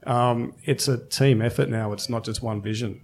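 A man's voice: mid-range voice, steady tone, normal speed, vocal fry, slight background noise. A man of fifty, a brewery co-founder, chatting casually as a guest and thinking aloud with many fillers. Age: 50s. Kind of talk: casual interview chat.

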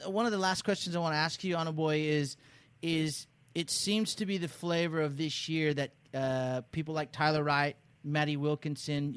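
Effusive man hosting, slightly high voice. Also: dry recording. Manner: effusive, rambling, restarts phrases. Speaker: interview host. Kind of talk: casual interview banter.

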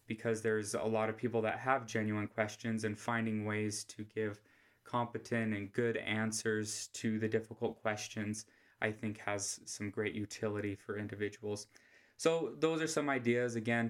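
An American man giving an informal religious lesson in a soft, quiet voice, with a flat monotone manner. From Utah, United States. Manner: flat monotone, speaking low without inflection. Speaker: host of a scripture study podcast. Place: quiet room at home.

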